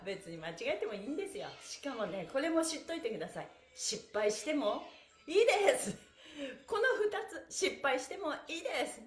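A middle-aged woman with a high voice energetically guides viewers through a livestreamed stretch class, giggling, cheering them on, and chanting counts and slogans while chatting to them. She is a stretch class host and a pantomime performer. The distant phone or camera mic picks up plenty of echo from the small, bare-walled indoor room.

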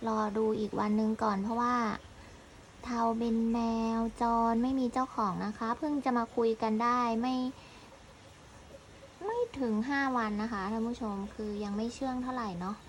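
A woman's voice: fairly high pitch, steady tone, moderate pace, slight background noise. A woman chatting casually and playfully, coaxing a cat with short repeated phrases. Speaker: cat vlogger talking to a stray cat and viewers. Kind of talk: casual pet chat, cooing questions to a cat.

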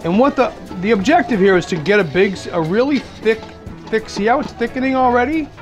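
This is a casual cooking demo by a middle-aged host from Massachusetts, USA, who explains each step to his dinner guests in a chatty, easygoing way and pokes fun at himself. His voice is pitched high for a man, expressive and brisk, and clear music plays under him the whole time.

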